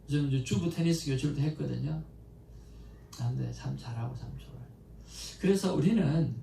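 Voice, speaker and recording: A man, a pastor, giving a conversational Sunday sermon in a church, mixing stories with animated pleas to God. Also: fairly high pitch, vocal fry. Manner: conversational, anecdotal preaching with animated emotional quotes. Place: church sanctuary. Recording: echoey church room, mic at a distance, faint background noise.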